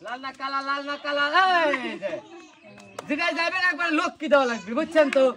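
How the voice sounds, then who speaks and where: A man's voice: very high voice, fast. A man hosting an outdoor game, energetically coaxing contestants and calling for applause. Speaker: game host. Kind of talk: lively game-show announcing. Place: outdoors in a public street setting. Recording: loud outdoor crowd noise.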